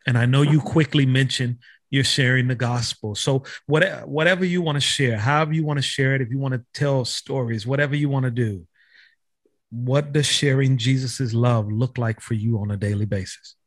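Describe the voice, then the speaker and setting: A man's voice: mid-range voice, fairly even intonation, normal speed, no room sound. A man hosting a faith podcast, earnestly explaining scripture and asking his guest questions. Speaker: podcast host. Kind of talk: interview with scripture teaching.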